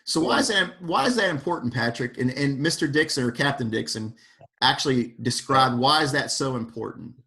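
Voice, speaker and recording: A man's voice: medium pitch, fairly quick, vocal fry. A man leading an online fire service workshop over a video call, speaking with energy and calling on attendees by name. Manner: animated, questions the audience by name. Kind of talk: energetic motivational talk.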